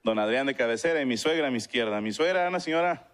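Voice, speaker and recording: A man's voice: mid-range voice, expressive, very fast, a little hiss or hum. A man with a Mexican accent doing a stand-up comedy monologue, telling crude slangy stories and acting out the voices in them. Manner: crude slangy storytelling, acts out quoted voices. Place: comedy stage before an audience. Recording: live stage mic with loud crowd laughter. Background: audience laughter.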